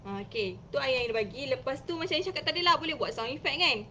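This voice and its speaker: Bright, high-voiced Malaysian woman teacher. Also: fast talker, slight background noise. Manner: chatty, explaining step by step with lively emphasis. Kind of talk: casual live-stream tips on reading with children.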